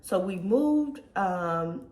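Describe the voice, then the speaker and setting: A woman's voice: mid-range voice, lively intonation, drawn-out words, a little mellow. Emotional woman telling her story, echoey room. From Southern US. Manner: emotional, conversational, addresses viewers as y'all. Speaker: lifestyle vlogger. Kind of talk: personal storytelling to camera.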